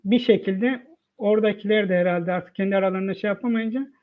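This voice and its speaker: High-voiced man on a tinny line. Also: fast talker. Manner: retells events by quoting dialogue, frequent "dedim" and "dedi" tags. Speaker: father of the child. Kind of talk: emotional personal testimony. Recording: tinny phone-like line from a live online broadcast.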